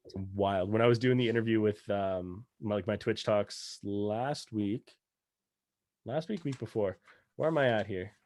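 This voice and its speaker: A Canadian man in his thirties, a bassist guest talking in rambling, laid-back casual chat and swearing freely. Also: measured pace, a little mellow, dry recording, studio quality.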